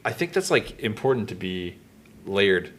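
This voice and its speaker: A man from Northwestern Ontario hosting an interview, talking in a rambling, halting way with many restarts and fillers. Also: on the low side, very animated. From Northwestern Ontario, Canada. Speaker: podcast host. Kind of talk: casual interview chat.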